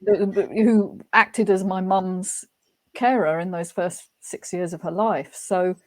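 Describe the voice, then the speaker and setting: A woman, a guest author speaking thoughtfully in a relaxed interview, often pausing and restarting her sentences. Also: on the low side. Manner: thoughtful, hesitant, many restarts. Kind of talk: casual interview chat.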